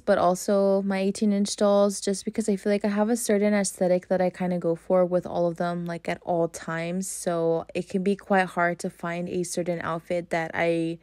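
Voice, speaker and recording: A woman's voice: on the low side, steady tone, moderate pace, hardly any pauses, dark tone. A young woman narrating a shop-with-me doll vlog in a chatty, enthusiastic voice-over with casual slang. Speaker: doll collector vlogger.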